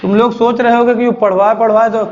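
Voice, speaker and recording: A male teacher with a very high, fast voice gives a live classroom lecture, drilling and coaxing his students and scolding them to repeat aloud. Faint music plays behind him, and the muffled classroom recording carries steady noise.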